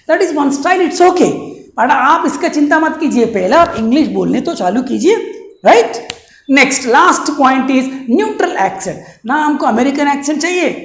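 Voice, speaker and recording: A man with an Indian accent teaching a spoken English lesson, drilling words and having students repeat them, and slowing right down for English phrases. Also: very high-pitched. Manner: slows down sharply for English phrases. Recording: roomy echo.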